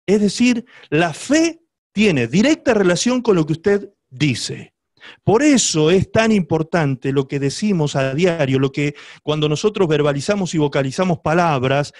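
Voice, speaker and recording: A man preaching a sermon as pastor, his voice pitched high for a man. He speaks emphatically and keeps turning to his listeners with rhetorical questions. The sound is dry and close, with no room echo. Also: a little mellow.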